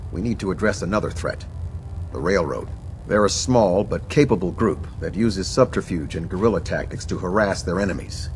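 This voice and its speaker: An actor playing a grave, disciplined, coolly ruthless military captain in a video game, briefing in a formal, authoritative way. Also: male voice, low-pitched, slight background noise, natural voice. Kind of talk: scripted video game dialogue.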